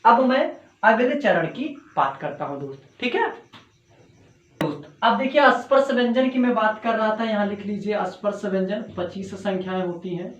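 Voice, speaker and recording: A man's voice: high-pitched, animated, normal speed, a bit bright. Guy teaching a hindi class, keeps repeating questions n answers, echoey muffled room. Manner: repetitive, drilling questions and answers, addresses students as friends. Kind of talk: online class lecture. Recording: echoey, dull lo-fi room sound.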